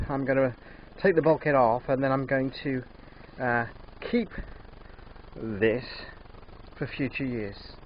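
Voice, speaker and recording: Older guy, swollen sore throat voice, halting casual diy chat, muffled audio with some noise behind. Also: mid-range voice. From England. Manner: hesitant, unhurried, halting. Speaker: DIY van converter presenting. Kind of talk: casual hands-on vlog narration. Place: in and around a van. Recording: dull muffled sound, background vehicle noise.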